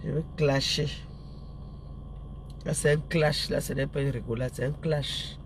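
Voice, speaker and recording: A man, pitched high for a man, rants on a phone live stream with a blocked nose. He keeps repeating his points and trips over restarts. Loud street traffic rumbles behind him outdoors. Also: fairly even intonation, unhurried. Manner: indignant, repeats himself, stammers restarts. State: stuffy nose from a cold. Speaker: livestream host. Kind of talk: angry live-stream rant.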